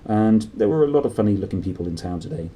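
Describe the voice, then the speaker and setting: A man's voice: fairly low pitch, expressive, quick pace, warm tone, a little hiss or hum, close to an everyday voice. A man voicing a nervous middle-aged suburban husband from a storybook, mumbling and hesitantly trying to sound casual. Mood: nervous, tentative.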